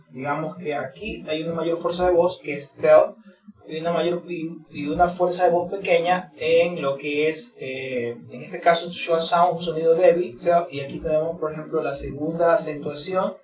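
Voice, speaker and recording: A man with a slightly high voice teaches English word stress, speaking slowly, repeating each example and filling pauses. He sounds far from the mic in an echoey room, with a crowd murmuring in the background. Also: darkish tone. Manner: slow and repetitive, many fillers. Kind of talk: explaining word stress from a board.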